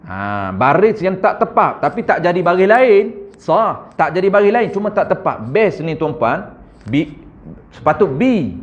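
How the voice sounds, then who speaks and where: A man's voice: high voice, very animated. Malaysian man teaching Quran recitation. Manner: corrective, demonstrates recitation slowly, drawn out; addresses audience as tuan-tuan, frequent "ha". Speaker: religious teacher. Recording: muffled lo-fi recording.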